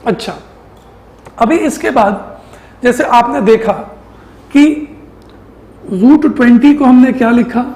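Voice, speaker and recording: Echoey male math teacher explaining. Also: very high-pitched. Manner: explains step by step, asking and answering his own questions; mixes English math terms into Hindi speech. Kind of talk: classroom math lesson.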